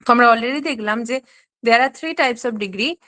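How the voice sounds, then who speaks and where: Woman, high voice, teacher, online exam-prep lesson, patient step-by-step explaining. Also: unhurried, sharp tone. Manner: explains step by step, checks in with "ঠিক আছে?".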